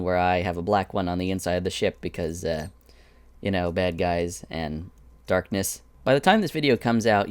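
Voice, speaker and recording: A man's voice: on the low side, clear, resonant tone, no echo. A man giving a casual, chatty walkthrough of his animation sets, drifting into asides as he goes. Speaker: animator showing his Minecraft prop world. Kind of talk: casual screen-recorded walkthrough.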